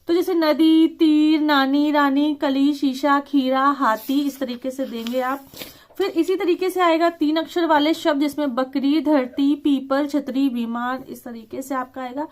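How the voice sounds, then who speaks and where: A woman teacher explaining a lesson, reading words out slowly and deliberately and slipping English words into casual talk. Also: high-pitched, fairly even intonation. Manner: slow, deliberate word reading with stressed syllables.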